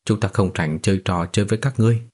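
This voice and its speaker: An arrogant ancient immortal who talks down to everyone, cold and scornful, as a male narrator voices him. The voice sits low and has a husky edge. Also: racing, a little mellow. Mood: haughty.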